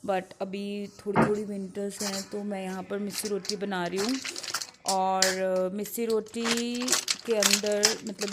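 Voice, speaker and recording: Young female home vlogger, casual and tired, noisy home-video sound. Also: medium pitch. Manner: soft, slow morning talk to keep others asleep. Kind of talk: casual vlog narration. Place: home kitchen. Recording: home video with noticeable noise.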